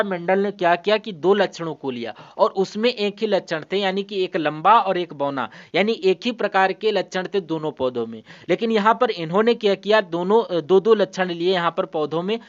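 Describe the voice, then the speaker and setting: Patient male teacher, dull lo-fi sound. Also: sits high. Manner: patient, repetitive, asks and answers own questions. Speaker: biology teacher. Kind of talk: explaining a lesson.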